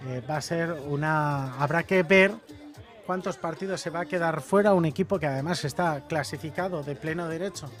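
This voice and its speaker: High-pitched male sports commentator. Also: moderate pace, soft background music. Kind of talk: live beach soccer play-by-play commentary.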